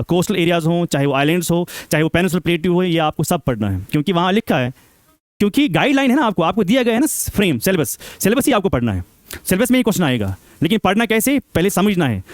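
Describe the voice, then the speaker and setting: A man speaks to exam aspirants in an emphatic, questioning way, switching between Hindi and English. His voice sits slightly high. The sound is dry and close. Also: dry recording. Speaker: seminar speaker. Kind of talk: exam guidance talk to students.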